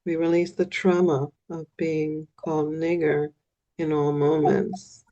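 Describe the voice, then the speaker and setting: A woman's voice: low voice, flat delivery, unhurried, warm tone, lo-fi sound. A woman client in a healing session, steadily and earnestly repeating statements after her healer.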